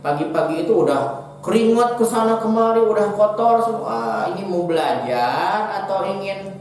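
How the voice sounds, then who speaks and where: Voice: medium pitch, expressive, moderate pace, darkish tone, a little hiss or hum. A teacher with a Sundanese accent giving a patient lesson to primary school children, repeating key words and asking them questions. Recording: echoey room recording.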